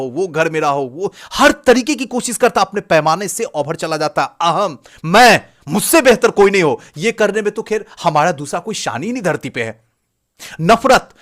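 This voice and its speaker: Fervent man preaching, pitch swooping wildly. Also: fairly bright tone. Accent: Bihari Hindi. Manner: preachy, exhorting, rhetorical questions. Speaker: exam coaching teacher and motivational speaker. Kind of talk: fervent motivational lecture.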